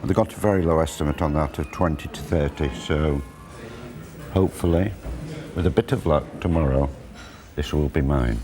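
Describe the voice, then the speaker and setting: A man in his sixties talking informally to camera about antiques, chatty and unhurried, on a lapel mic in an auction room. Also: a bass voice. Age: 60s. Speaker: antiques buyer and presenter. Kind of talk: informal explanatory talk to camera. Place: large indoor auction room. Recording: busy crowd murmur behind.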